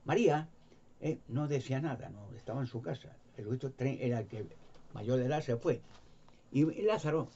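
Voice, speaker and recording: Retelling Bible stories informally, this man rambles and repeats himself, often stumbling and starting over. He is a lay preacher with a Spain Spanish accent, and his mellow, mid-range voice moves a little fast. Faint background noise sits under a slightly dull recording.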